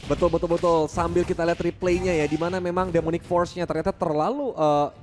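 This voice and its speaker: An Indonesian-accented man giving excitable live esports play-by-play, repeating words for emphasis. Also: a little high, quick pace, a little hiss or hum. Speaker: esports match commentator.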